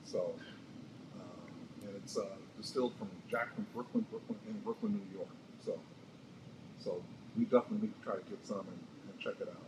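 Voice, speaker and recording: A man co-hosting a radio talk show, teasing and telling jokes with bursts of loud laughter. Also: fairly low pitch, wildly swooping pitch, normal speed, gravelly, roomy sound, distant mic, background noise. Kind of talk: casual chat.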